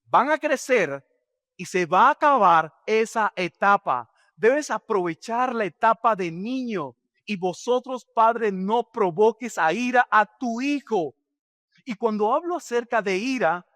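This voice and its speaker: A man's voice: sits high, a bit bright, no room sound, clean studio sound. A middle-aged man preaching a sermon as a pastor, speaking directly and asking rhetorical questions.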